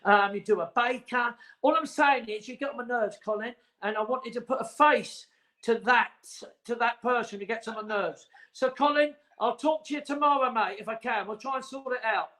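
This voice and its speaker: A man's voice: extremely high pitch, normal speed, pushed and bright. A man in his forties hosting a casual livestream chat from home, rambling and teasing. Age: 40s. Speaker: host.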